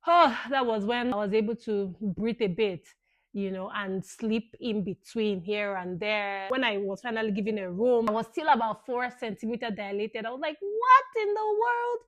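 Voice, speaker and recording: A woman's voice: medium pitch, normal speed, no echo. A young woman vlogger earnestly recounting a personal experience in a casual, thankful way, often saying "you know".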